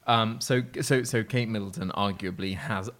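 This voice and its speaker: A man's voice: lowish voice, normal speed, a bit bright. A man hosting a casual podcast over drinks, opinionated and rambling, often trailing off and repeating words. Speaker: podcast host. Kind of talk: casual drunk chat.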